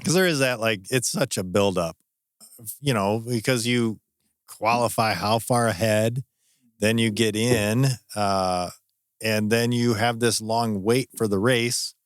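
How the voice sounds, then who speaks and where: A man hosting a running podcast, chatting in a relaxed way with many fillers. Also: on the low side, measured pace, clear, resonant tone, no echo, studio quality. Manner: easygoing, with frequent fillers and restarts. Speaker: podcast host. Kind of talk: casual interview chat.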